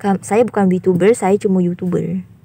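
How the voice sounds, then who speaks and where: Raspy-voiced woman, indignant. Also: fairly low pitch, fairly even intonation, normal speed, dark tone. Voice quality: raspy husky voice. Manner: indignant, repeats her points firmly. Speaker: YouTuber. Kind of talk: vlog monologue to viewers.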